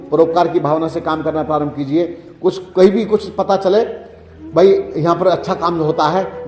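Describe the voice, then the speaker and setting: Man, high voice, preachy health advice, repeats himself, roomy echo. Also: a little mellow. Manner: preachy, repeats phrases for emphasis, asks rhetorical questions. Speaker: health and meditation advisor. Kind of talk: advice talk to a listener. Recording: roomy echo, long reverb, faint music.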